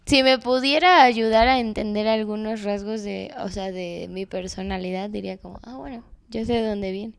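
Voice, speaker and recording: A woman's voice: medium pitch, steady tone, moderate pace, gravelly, hardly any pauses, clear, resonant tone, no echo. A woman with a Mexican accent, co-hosting a podcast in casual chat, blunt and slangy, with some swearing. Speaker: podcast co-host.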